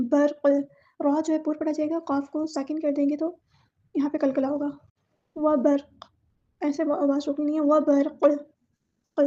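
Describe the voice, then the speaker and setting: A woman teaching a word-by-word tajweed lesson, explaining each letter patiently and then reciting the words slowly. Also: high voice, dark tone, dull audio.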